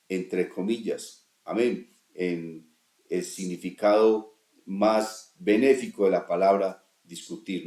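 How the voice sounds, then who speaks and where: Dark-voiced man preaching a sermon. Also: fairly low pitch, echoey room. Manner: emphatic preaching with repeated rhetorical questions. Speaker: pastor.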